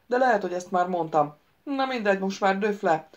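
A woman's voice: medium pitch, animated, lightly acted. A woman voicing a petulant, scheming male ghost wizard who keeps pleading and bargaining, on a dull lo-fi audiobook recording.

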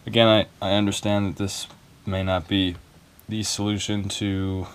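Working through a repair tutorial in a small, cluttered, carpeted room, a video maker speaks at normal speed in a lowish voice with a level tone. His talk is informal and unscripted, with a bit of hesitancy. Slight background noise is audible.

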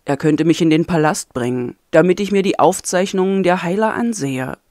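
A woman voicing a desperate young male prisoner, speaking in a low urgent murmur. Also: animated, normal speed, a little mellow, no room sound, clean studio sound, close to an everyday voice. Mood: urgent, brooding.

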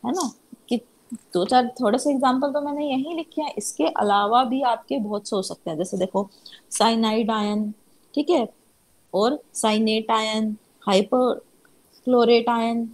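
A woman teaching chemistry to a class, asking herself questions and answering them. Her voice sits a little high, with a husky edge and a gravelly fry. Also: measured pace, rough recording. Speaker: chemistry lecturer. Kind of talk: classroom lecture.

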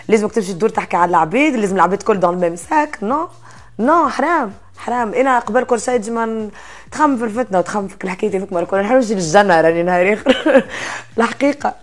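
Tunisian woman in her 30s, super fast talker, chatty guest, tosses in french bits. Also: medium pitch. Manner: lively, mixes in French phrases, laughs often. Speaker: interview guest, influencer. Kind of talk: casual interview chat. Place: indoor studio set with armchairs.

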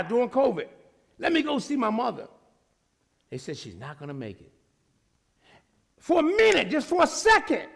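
Male pastor, high-pitched and gravelly, preaching with big shouts and sudden quiet drops. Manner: call-and-response preaching, shouting at peaks then dropping low. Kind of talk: sermon. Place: church sanctuary.

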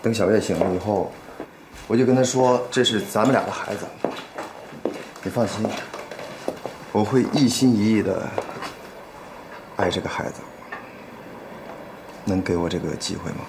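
A young actor playing a devoted man who speaks gently and earnestly. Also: lowish voice, normal speed, pauses often, background noise, lightly acted. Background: background music.

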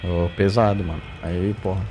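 A man with a Brazilian Portuguese accent doing let's play commentary, jumpy and swearing, with bursts of squeaky baby talk. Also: fairly even intonation, normal speed, gravelly, raised voice, music in the background. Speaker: gameplay streamer.

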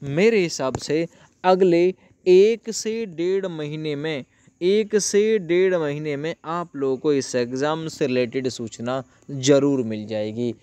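Speaking slowly in a slightly high, mellow voice, a man gives viewers an informal rundown of exam news on his update channel. The recording is clean with no echo, and he keeps a familiar tone, repeating phrases to drive points home.

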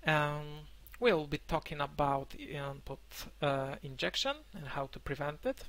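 A young man whose first language is Polish gives an online conference talk from a room at home, pausing often with fillers and restarts over a webcam microphone. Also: a little high, animated, fairly bright tone. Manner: halting, many fillers and restarts. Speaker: conference speaker. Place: indoor room, remote talk.

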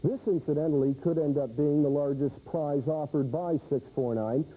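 Very mellow male TV reporter. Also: fairly high pitch, fairly even intonation, normal speed, poor audio. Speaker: television news reporter. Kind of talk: scripted on-camera sign-off report. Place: TV studio. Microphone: handheld microphone.

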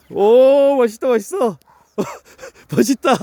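A man with a very high, animated voice takes his time over his words. He chats casually outdoors, teasing and calling out short cheers. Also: dry recording. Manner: exclamatory, teasing. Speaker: friend filming and cheering. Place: outdoors in winter.

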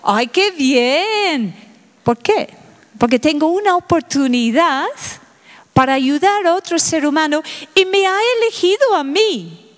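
A middle-aged woman addresses a lecture audience in a high, bright-toned voice, pressing them with one rhetorical question after another. She speaks slowly and deliberately. Her voice rings with the long reverb of a large hall. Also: lively intonation. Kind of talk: public lecture.

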